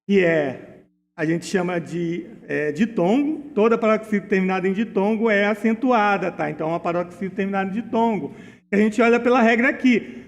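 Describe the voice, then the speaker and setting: A Brazilian man teaching as an exam prep tutor, slowing down to spell out words and rules and using diminutives. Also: high-pitched, big-room sound. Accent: Brazilian Portuguese. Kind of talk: recorded exam-solution lesson.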